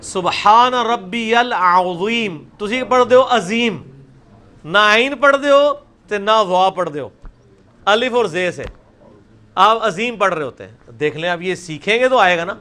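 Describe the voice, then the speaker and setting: A man teaching a recitation class over a video call, repeating each sound slowly and loudly for his students. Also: high-pitched, lively intonation.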